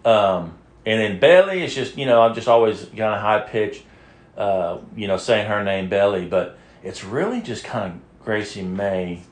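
Podcast host, lowish male voice, rambling and crude, roomy echo. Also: expressive, normal speed. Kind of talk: casual chat.

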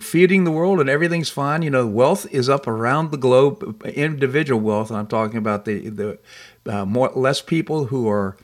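A man's voice: mid-range voice, moderate pace. A man hosting a talk show in a conversational style, discussing politics.

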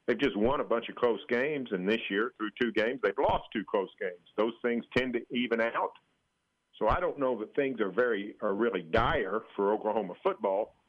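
Measured American man on dull radio line. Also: lowish voice. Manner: measured, pausing, matter-of-fact. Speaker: sports journalist guest. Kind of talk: conversational sports analysis. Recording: dull band-limited radio call-in sound.

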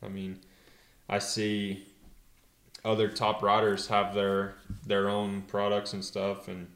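A young man and pro rider answering interview questions in a relaxed, hesitant way, full of fillers and restarts. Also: on the low side, slow pace, reverberant. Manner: laid-back, hesitant, many fillers and restarts. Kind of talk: casual interview.

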